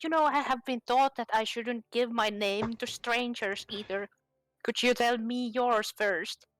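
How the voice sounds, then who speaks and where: A woman's voice: on the high side, steady tone, unhurried, fairly bright tone, faint music behind, low-quality recording. A woman playing a tabletop game, chatting casually and speaking for her character.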